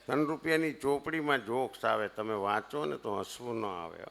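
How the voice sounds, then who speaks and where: A man with a Kathiawadi Gujarati accent doing live comic storytelling on stage for a seated audience, swinging between loud punchlines and hushed asides. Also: mid-range voice, normal speed, gravelly. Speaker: stage comedian.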